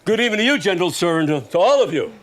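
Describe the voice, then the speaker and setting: An actor playing a humble, kindly old shepherd with hammy, theatrical stage Shakespeare delivery. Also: male voice, high voice, big pitch swings, fast, a bit bright. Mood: startled, polite.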